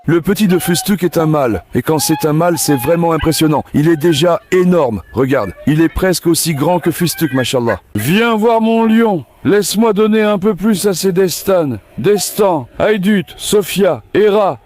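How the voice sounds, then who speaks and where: A man's voice: on the high side, lively intonation, moderate pace, few pauses, darkish tone. A man breeding dogs, talking casually as he feeds them outdoors, calling each one with coaxing, affectionate words. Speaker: dog breeder feeding his dogs. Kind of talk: casual vlog narration while feeding dogs. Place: outdoor farm with dog kennels.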